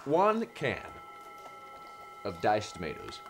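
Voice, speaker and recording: A man's voice: fairly low pitch, huge pitch swings, slow, over music. Giggly hammy man hosting horror movies. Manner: hammy, giggles between lines. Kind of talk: campy comedy hosting.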